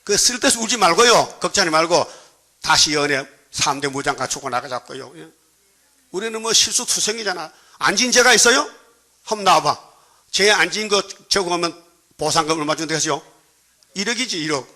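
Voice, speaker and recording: A Gyeongsang Korean pastor delivers his sermon with a tense, ringing brightness. His voice sits a little high for a man. He talks plainly and jokes, throwing questions back at the congregation again and again. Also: animated, a little fast. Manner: prods the congregation with constant questions; colloquial, joking preaching.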